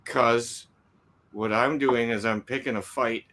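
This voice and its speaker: A man's voice: mid-range voice, steady tone, slow pace, bright, forceful tone, a little hiss or hum. A man co-hosting a casual chat, joking around, laughing often and swearing.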